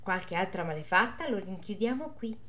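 A woman's voice: medium pitch, animated, moderate pace, fairly bright tone, natural voice. Sex: woman. Figure: woman reading a coaxing priest's wife. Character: bold middle-aged village priest's wife.

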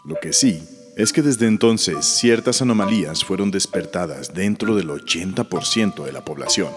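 A man's voice: deep voice, expressive, normal speed, over music. A man acting a grave doctor and storyteller in an audio drama, with a solemn, scripted delivery. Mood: ominous.

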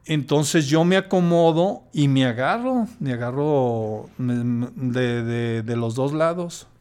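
A man's voice: mid-range voice, animated, slow pace, a little mellow, clean tone. An older man, a podcast guest telling a personal story in a hesitant way, with many restarts.

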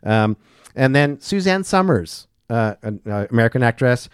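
Man, radio co-host, casual chat, halting, dry studio sound. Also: mid-range voice, expressive, clean tone, no echo. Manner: halting, many fillers.

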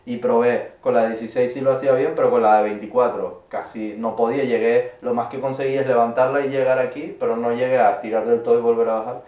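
A man chats in a relaxed way, using slang as he goes. His voice is dark and mellow. He sits back from the mic in an echoey room, and the sound is dull and lo-fi. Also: medium pitch, quick pace, hardly any pauses, far from the mic. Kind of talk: casual chat.

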